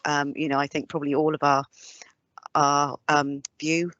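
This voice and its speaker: A woman's voice: low-pitched, flat delivery, normal speed, a bit bright, no room sound. A woman co-presenting on a video call, speaking hesitantly and reflectively, with many fillers. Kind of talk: webinar discussion. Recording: dull, dry lo-fi call audio.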